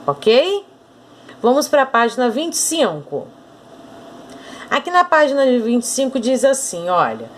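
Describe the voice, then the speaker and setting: A Brazilian woman teaching an online class to children, explaining slowly and deliberately and often saying "look". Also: a little high. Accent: Brazilian Portuguese. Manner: slow, deliberate explanations with frequent "olha".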